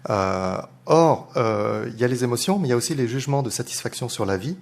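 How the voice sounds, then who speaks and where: A man on a lecture panel giving a measured answer, hesitating often with fillers. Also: mid-range voice, lively intonation, gravelly. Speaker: economist panelist.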